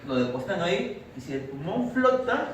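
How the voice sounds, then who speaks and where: Teaching physiology to a class, a Peruvian man with a Peruvian Spanish accent talks at a moderate pace in a high-pitched, very animated voice, repeatedly asking "¿cierto?" and "¿estamos?", meaning "right?" and "are we clear?". The audio is echoey and noisy, captured far off by a camera mic in a big, reverberant classroom.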